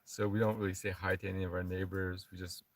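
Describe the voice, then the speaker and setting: A man co-hosting a casual travel livestream from a camper van, chatting in a relaxed way and reading out viewer comments. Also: deep voice, fast talker, dry recording, recorded from a distance. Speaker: vlogger co-host. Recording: dry, from a little off mic.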